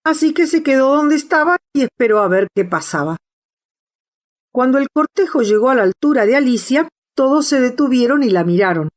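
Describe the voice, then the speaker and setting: A woman reading a classic children's novel aloud as an audiobook narrator, in a steady, measured way. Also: high-pitched. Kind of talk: scripted storybook narration.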